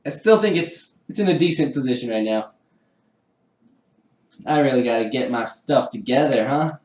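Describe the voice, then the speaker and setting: A livestreamer assembles a 3D printer kit while chatting casually with viewers, laughing a lot and teasing himself. His mid-range voice is animated and slightly dark, at a moderate pace. The home room, with a garage below, sounds roomy.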